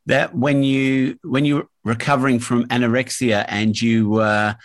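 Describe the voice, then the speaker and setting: A man's voice: mid-range voice, little pitch movement, unhurried, no echo, studio quality. A man interviewing in a casual conversation, supportive and somewhat tentative as he puts his questions and thoughts. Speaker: podcast interviewer.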